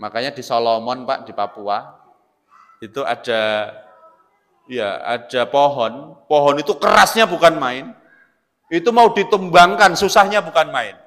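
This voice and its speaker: A man preaching an Islamic sermon, swinging between loud emphatic bursts and quiet asides, often addressing listeners as "Pak". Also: mid-range voice, expressive, unhurried, pauses often. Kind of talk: lecture-style religious sermon. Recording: long reverb of a large hall.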